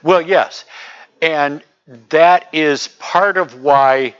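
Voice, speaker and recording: A man's voice: a little high, extremely slow, fairly bright tone, highs cut off. A man in the audience asking casual, hesitant questions and often restarting his sentences. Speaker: audience member.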